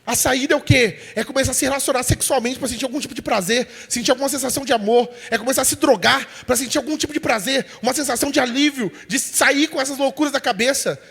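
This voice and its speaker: A man's voice: extremely high pitch, fast talker, gravelly, few pauses, a bit bright, slightly rough, big-room sound. A man from preaching a sermon. He speaks emphatically, calls listeners "brother" and acts out the voices of the people he describes.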